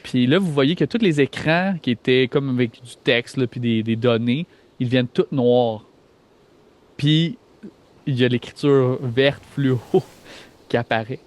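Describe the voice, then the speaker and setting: A man from Quebec with a Quebec French accent, narrating a tabletop game as game master in a lively, laughing way. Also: mid-range voice, unhurried.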